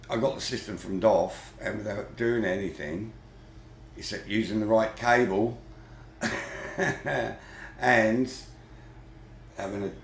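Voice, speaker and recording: A man's voice: lowish voice, echoey room, slight background noise. A man giving casual running commentary while gaming, chatty and grumbling, with mild swearing. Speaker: vlogger.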